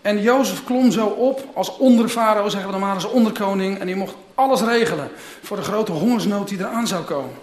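A man's voice: high voice, brisk. A man preaching a sermon, retelling and reading a Bible story in a conversational way with small asides. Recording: roomy echo.

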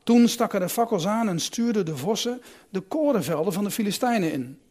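Lively man reading and explaining Scripture. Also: sits high, a little fast. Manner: lively, musing, with restarts. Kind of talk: Bible reading and commentary.

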